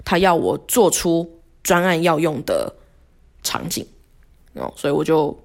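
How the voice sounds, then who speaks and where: A woman telling a work story in a casual solo podcast, animated and rambling, with rhetorical questions. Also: measured pace, vocal fry. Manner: animated storytelling, acting out quotes in a higher voice. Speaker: podcast host.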